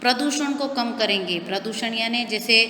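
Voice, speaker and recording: A woman teacher with a bright, forceful voice explains a lesson to small children. She keeps rephrasing each hard word in plainer terms and checks that they follow. The sound is roomy, with a long reverb tail. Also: on the high side, moderate pace, slight background noise. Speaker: primary school teacher.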